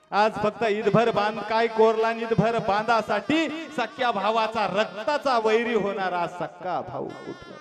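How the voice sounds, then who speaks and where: A man from Maharashtra telling a saint's life story as a kirtan preacher, with emotional, dramatic and tearful storytelling. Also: sits high. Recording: sermon with devotional music behind.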